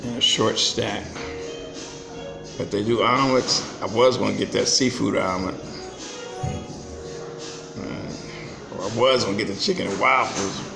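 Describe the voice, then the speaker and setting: An older man films a vlog on his phone, held at arm's length, chatting casually and upbeat in a small restaurant before moving out to the street. His voice is on the low side with vocal fry, fairly even intonation, a measured pace and frequent pauses, and he's plain-spoken. The restaurant sounds roomy, with music playing behind him.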